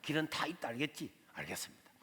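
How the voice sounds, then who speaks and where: A man's voice: on the high side, fast talker, slightly rough. A male pastor with a telling a personal story in a sermon, acting out the voices of the people in it. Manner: acts out dialogue of his mother, uncle and others in a lively storytelling voice. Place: large church sanctuary. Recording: hall reverb of a church sanctuary.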